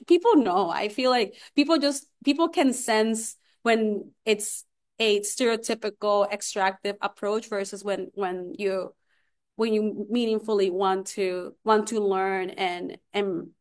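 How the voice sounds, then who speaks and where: A woman from Puerto Rico speaking on a panel as a community researcher, earnest, with frequent restarts and fillers. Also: mid-range voice. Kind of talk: panel discussion.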